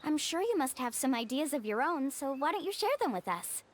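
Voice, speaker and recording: Mualani, animated high-voiced young guide. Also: female voice, a little fast, a little hiss or hum. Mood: upbeat. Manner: confident, explanatory, animated. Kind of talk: video game voice acting.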